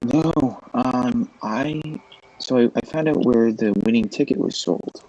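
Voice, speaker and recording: A man's voice: medium pitch, unhurried, dark tone, poor audio. A man chatting casually on a livestream, explaining things step by step. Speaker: livestream guest. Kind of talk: casual chat.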